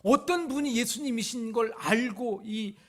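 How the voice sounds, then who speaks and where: A man's voice: very high-pitched, unhurried. A man pastor preaching a sermon, retelling a story with dramatic acted-out cries.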